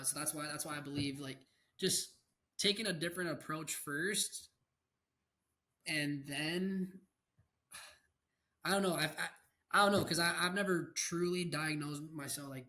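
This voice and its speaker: A man's voice: a little high, pushed and bright. A man hosting a podcast, talking loosely in casual interview chat and hunting for his words. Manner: loose, searching for words, lots of fillers. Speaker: podcast host.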